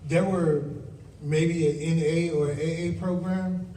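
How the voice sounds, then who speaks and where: A man with a mellow, somewhat high voice talks directly and emotionally to a live audience. The sound is distant and roomy, with faint hiss behind it. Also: fairly even intonation, measured pace. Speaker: event host and fellow speaker. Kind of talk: public talk and Q&A.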